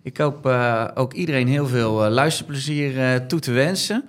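A man's voice: mid-range voice, normal speed. A man, hosting a podcast in a casual, chatty way. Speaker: podcast host. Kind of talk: casual chat.

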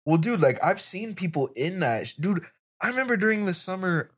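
A man's voice: high-pitched, very animated, fairly quick, fairly bright tone. A man hosting a podcast in casual chat, laid-back and profane. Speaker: podcast host.

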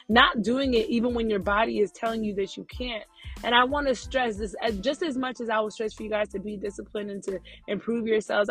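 An American woman talks casually to her followers while sitting in a car. Her voice sits a little high, and she is earnest and encouraging, with relaxed slangy wording. Music plays behind her. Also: breathy edge. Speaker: vlogger. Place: inside a car.

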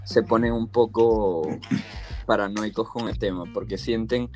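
An easygoing man co-hosts a casual chat, working through his thoughts out loud. His voice sits a little low for a man. A faint bed of music runs underneath. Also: fairly even intonation, unhurried. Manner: easygoing, thinks aloud with fillers. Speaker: podcast co-host.

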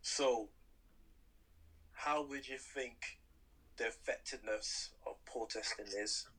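A man's voice: medium pitch, slow, sharp tone, breathy edge, low-quality recording. A man leading a casual discussion, putting questions and giving his own views in an informal, conversational way. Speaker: discussion host. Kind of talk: casual chat, asking questions.

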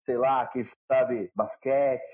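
A man's voice: medium pitch, fairly even intonation, slow. Man asking questions over dull audio. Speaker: interviewer. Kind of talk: casual interview.

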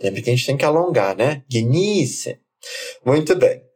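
A man teaching German, saying phrases slowly for the learner to repeat and then explaining them quickly. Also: medium pitch, lively intonation, a little mellow. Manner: slow, deliberate model phrases alternating with quick explanations. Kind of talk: language lesson with repeat-after-me drills.

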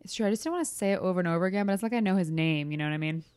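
A woman's voice: on the low side, racing, a little mellow, clean tone, dry recording, clean studio sound. A young woman co-hosting a podcast, telling candid, swearing stories in casual chat. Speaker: podcast co-host.

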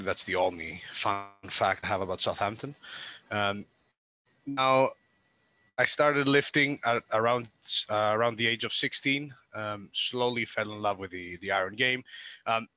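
A man's voice: fairly low pitch, fairly even intonation, moderate pace, pushed and bright, no room sound, low-quality recording. A young man from Greece, a researcher answering interview questions in a thoughtful way with many fillers and restarts, over a video call. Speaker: guest researcher.

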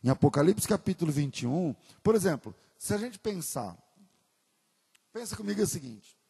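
A man preaching a sermon as pastor with a Brazilian Portuguese accent, moving from casual asides to loud, emphatic preaching. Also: high voice, big pitch swings, moderate pace, gravelly, breathy edge, big-room sound.

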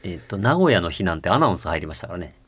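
A man hosting a casual chat, relaxed and joking as he leads the talk. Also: deep voice, rapid-fire, crowd noise. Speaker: host. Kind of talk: casual chat recapping a tour.

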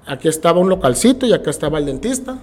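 A man's voice: on the high side, very fast. A man with a Mexican Spanish accent, a podcast guest telling stories casually and acting out the voices of people he talks about. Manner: animated, acts out the voices of people in his stories. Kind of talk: casual storytelling interview.

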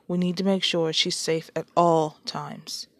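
A woman's voice: on the low side, level tone, unhurried, dry recording, clean studio sound, natural voice. A woman reading aloud, voicing a stern, protective teenage boy who talks firmly and scolds.

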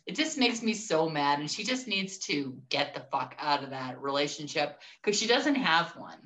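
Emphatic blunt woman, bright tone. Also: low voice, lively intonation, normal speed. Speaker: podcast co-host. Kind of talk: casual chat.

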